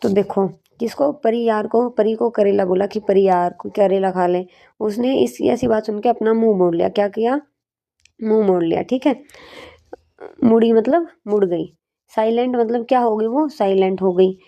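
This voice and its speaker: Woman teaching with gravelly, mellow voice. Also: mid-range voice, normal speed. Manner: asks questions and answers them herself, repeats for drilling. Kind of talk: exam-prep lesson with memory tricks.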